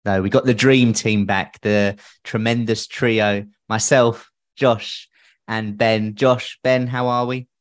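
A man's voice: lowish voice, steady tone, slow pace. A man hosting a financial podcast in a conversational way. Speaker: podcast host.

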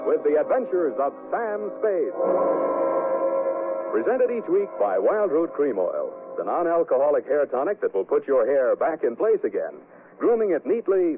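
A man's voice: a little high, very animated, moderate pace. Man announcing on an old radio show. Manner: formal, emphatic sales delivery. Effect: old 1940s radio broadcast sound. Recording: tinny 1940s radio broadcast with faint music.

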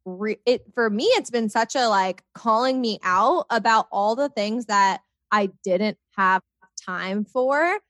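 A woman's voice: mid-range voice, slow, no room sound. Upbeat young woman chatting, dry sound. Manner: upbeat, animated, many "like" fillers. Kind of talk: casual chat.

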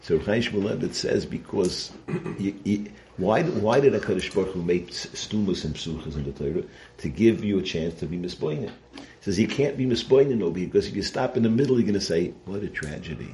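A man teaching in an informal sermon style, conversational and halting, repeating phrases and checking in with rhetorical questions. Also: deep voice, mellow, a little hiss or hum. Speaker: rabbi giving a Torah lesson. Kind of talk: informal sermon, Torah lecture.

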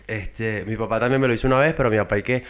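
Fast-talking young Venezuelan man. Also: fairly low pitch, steady tone, fairly bright tone, clean tone. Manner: quick, teasing banter. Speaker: podcast co-host. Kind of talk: casual chat.

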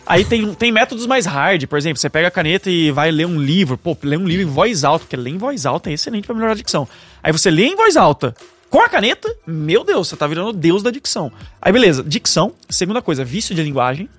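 A man's voice: high voice, fast talker, soft background music. A Brazilian man, a speaking coach, explaining with energy as a podcast guest. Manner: energetic, teaching, laughs often. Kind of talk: podcast conversation.

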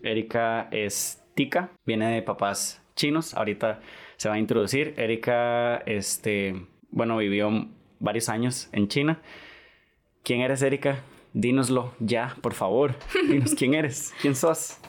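A man's voice: medium pitch, a little slow. A young man hosting a podcast in casual chat, talkative and full of tag questions. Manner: chatty, repeats himself, lots of "¿verdad?". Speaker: podcast host.

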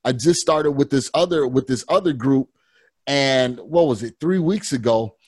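A man's voice: mid-range voice, moderate pace, a little mellow, husky, dry recording. A man hosting a podcast, talking in an encouraging way with frequent restarts and repeated words. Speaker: podcast host. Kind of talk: casual podcast talk.

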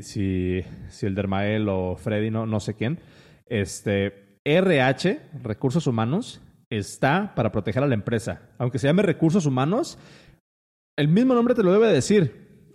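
A man's voice: mid-range voice, warm tone, big-room sound. A man with a Mexican accent hosting a casual podcast chat, rambling with many restarts and fillers. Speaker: podcast host.

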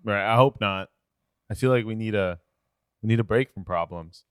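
A man's voice: on the low side, moderate pace, clear, resonant tone, dry recording, studio quality. A man co-hosting a casual podcast, laid-back, mostly giving short agreeing replies and jokes. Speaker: podcast co-host. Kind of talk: casual chat.

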